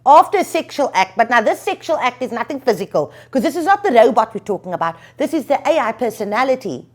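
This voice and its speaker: A woman attorney explaining legal points in an interview, measured and thinking aloud with frequent fillers. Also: fairly high pitch, big pitch swings. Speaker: attorney and lecturer, interview guest.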